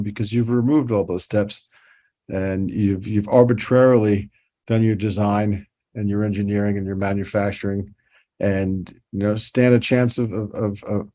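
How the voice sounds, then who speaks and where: A man's voice: lowish voice, dark tone. A middle-aged man with a New York accent, talking as a toy-designer guest in a casual podcast interview, rambling with many restarts.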